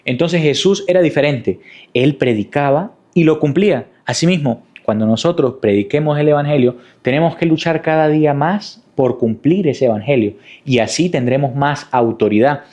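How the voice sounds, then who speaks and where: A man's voice: a little high, moderate pace, a little mellow. A man preaching a sermon in a teaching manner, asking rhetorical questions and repeating key points. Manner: didactic, with rhetorical questions and repetition.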